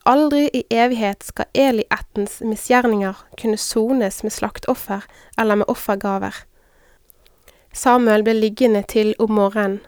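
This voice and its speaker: A woman reading scripture aloud at a measured pace. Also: medium pitch, a little mellow, smooth, no echo, studio quality. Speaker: scripture reader. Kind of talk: Bible reading.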